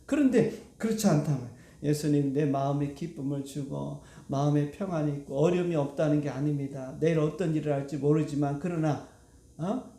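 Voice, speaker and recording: A man's voice: fairly high pitch, mellow, reverberant. A male pastor preaching a sermon to his congregation, asking it rhetorical questions. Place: church sanctuary.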